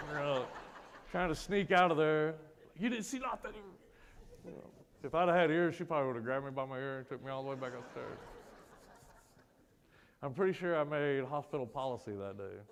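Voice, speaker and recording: A man's voice: medium pitch, brisk, long pauses. A man who is a military veteran, speaking to a school assembly and telling a personal story with casual, self-deprecating humor. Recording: long hall reverb.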